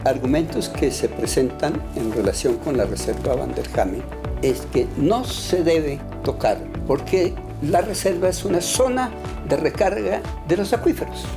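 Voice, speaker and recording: Creaky, animated explainer over music. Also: medium pitch. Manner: teacherly, with check questions. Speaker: expert explainer. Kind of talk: didactic technical explanation.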